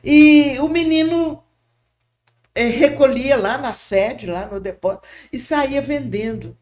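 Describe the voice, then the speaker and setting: An older woman, a podcast guest gently recounting memories and often checking in with her listener. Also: high-pitched, a little slow. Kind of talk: reminiscing storytelling.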